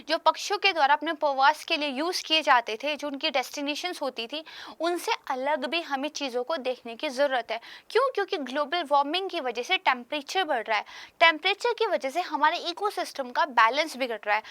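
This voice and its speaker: A woman's voice: high voice, bright, forceful tone, no echo. A young woman teaching current affairs for exam preparation, explaining each point and often checking in with "right?" and "okay".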